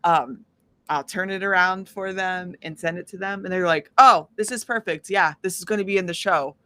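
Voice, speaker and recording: An independent musician, a woman appearing as an interview guest, speaks casually and tells stories with animation, often acting out quoted dialogue. Her voice is lowish at a moderate pace, with no room sound.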